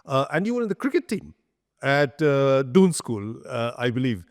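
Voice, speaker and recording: An older man hosting a conversational interview in a halting, deliberate way. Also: medium pitch, very animated. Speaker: podcast host, interviewer.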